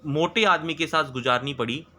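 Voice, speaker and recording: A man teaching a textbook chapter. He reads English lines slowly, then explains each one at length and checks in often with filler words. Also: fairly high pitch, bright, forceful tone.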